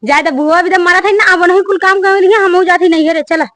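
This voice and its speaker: A woman's voice: extremely high pitch, fairly even intonation, fast. A woman in a rural comedy sketch, quarrelsome and accusing. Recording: loud background noise.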